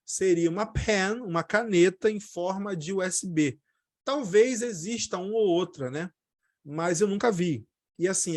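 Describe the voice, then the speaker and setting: A Brazilian Portuguese-speaking man teaching English vocabulary in a casual spoken lesson, talking fast in Portuguese and then saying each English word slowly and repeating it. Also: fairly high pitch. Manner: explains in Portuguese, says English words slowly and repeats them.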